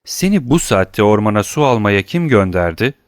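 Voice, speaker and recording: A man voicing a serious, kind stranger in an audiobook, speaking in a low, measured tone. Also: big pitch swings, dry recording, studio quality. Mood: grave. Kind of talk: audiobook character reading.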